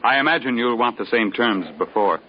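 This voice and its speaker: An actor playing a crusty, blustery old retired American army general in a 1950s radio drama, with a husky voice. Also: male voice, medium pitch, expressive, fairly quick. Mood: pleased, brisk. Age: older. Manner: blustery, emphatic, folksy exclamations. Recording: dull vintage 1950s radio recording.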